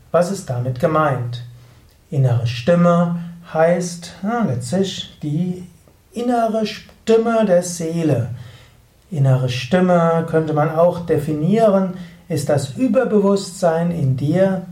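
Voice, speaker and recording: A man hosting a podcast as a yoga teacher, giving a spiritual teaching talk in a slow, measured way with drawn-out pauses. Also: a little high, warm tone. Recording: roomy echo, mic at a distance.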